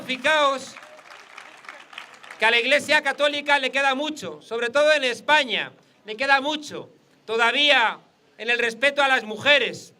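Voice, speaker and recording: A man with a Spain Spanish accent addresses a crowd at an outdoor political rally. His voice sits very high and rings tense and bright. He builds his points through jokes and hammering repetition. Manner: rhetorical, joke-telling, repeats for emphasis.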